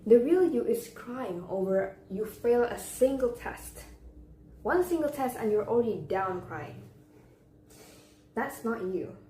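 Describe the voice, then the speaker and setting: A young woman delivers a memorized contest speech in a deliberate, theatrical way, with pauses and rhetorical questions. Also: fairly high pitch, expressive, mellow. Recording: echoey room with faint background noise.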